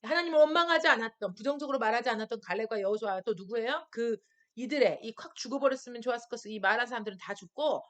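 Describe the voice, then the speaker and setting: A woman pastor with a high voice, preaching to young people in a lively way. She keeps asking her listeners questions and breaks into short acted-out quotes. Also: racing. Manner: acts out voices of people and God in quoted asides; asks listeners frequent questions. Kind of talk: youth worship sermon. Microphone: screen-recorded stream.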